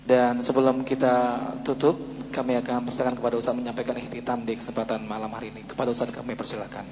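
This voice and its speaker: A man's voice: medium pitch, little pitch movement, quick pace, darkish tone, big-room sound, a little hiss or hum. A male moderator closing a broadcast religious talk in a polite, formal manner. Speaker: program moderator.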